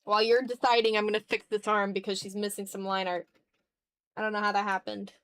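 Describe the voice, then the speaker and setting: This digital artist talks fast and flat in a medium-pitched, fairly bright, smooth voice as she draws on stream. She keeps the chat casual and playful, full of slang, murmuring partly to herself and partly to the audience.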